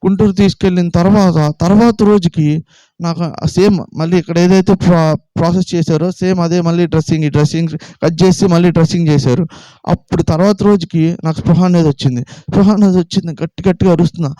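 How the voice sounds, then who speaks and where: Fast-talking man giving a testimony. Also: high-pitched, fairly even intonation, warm tone, dry recording, rough recording. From Vijayawada, Andhra Pradesh. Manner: rapid, repetitive storytelling that acts out quoted dialogue. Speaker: testimony speaker. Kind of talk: personal faith testimony.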